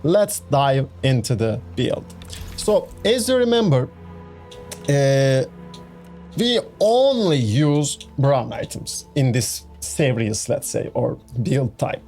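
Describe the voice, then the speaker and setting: A young Turkish-accented gaming YouTuber chats his way through a casual walkthrough of a game build, using fillers and restarting sentences. His medium-pitched, darkish voice moves slowly with big pitch swings. Faint music plays in the background.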